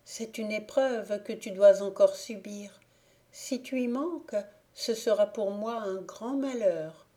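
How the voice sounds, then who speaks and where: A woman voicing a frightened young heroine in flight, pleading urgently in a raised, high voice. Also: slow, mellow, close to an everyday voice. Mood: earnest. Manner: urgent high-pitched pleas.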